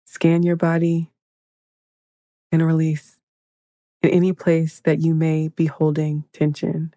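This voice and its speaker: A woman leading a guided meditation in a slow, soothing, hushed manner, counting breaths and counting down. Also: sits low, monotone, dry recording, clean studio sound.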